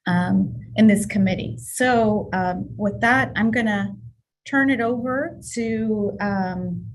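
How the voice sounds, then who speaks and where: A woman facilitates a meeting in an informal way. Her voice is of average pitch, and she pauses often as she feels her way through procedural explanations. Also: low-quality recording. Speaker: committee chair. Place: indoors on a video call.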